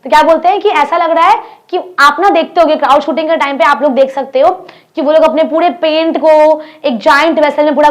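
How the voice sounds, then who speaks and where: Young Indian woman teacher, high voice, slow reading of English lines, lots of questions. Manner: asks rhetorical questions, reads English lines slowly. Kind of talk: explaining an English textbook story in Hindi.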